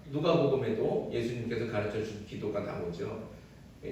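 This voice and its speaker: A man's voice: medium pitch, mellow, slight background noise. A male pastor preaching an expository sermon, putting questions to the congregation and answering them himself. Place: church sanctuary. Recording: very echoey church sanctuary, distant mic.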